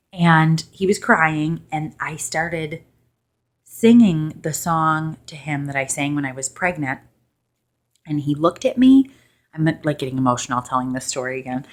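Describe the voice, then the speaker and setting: A young woman telling a personal story in a soft-spoken, sort of ASMR vlog style, chatty and full of "like" and "um". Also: low voice. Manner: chatty, lots of "like" and "um", hushed in places. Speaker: vlogger.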